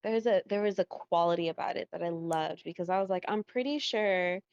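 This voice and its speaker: Gravelly woman cohost, lots of um and like, dry muffled audio. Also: on the low side, a little fast, a little mellow, dry recording. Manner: hesitant, filler-heavy, encouraging. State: recovering from flu. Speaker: podcast co-host. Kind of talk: casual chat.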